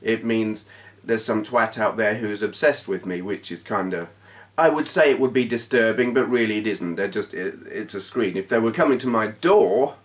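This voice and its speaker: Recorded from a distance, a middle-aged man hosts his channel in a casual talking-head vlog, his nose stuffy from a cold. He speaks frankly and bluntly at normal speed with a fairly low pitch, restarting sentences and laughing briefly.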